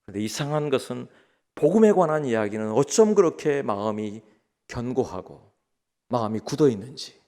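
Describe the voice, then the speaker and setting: A middle-aged man preaching a sermon as pastor, telling stories dramatically and swinging between loud pleas and hushed asides. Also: medium pitch, expressive, moderate pace.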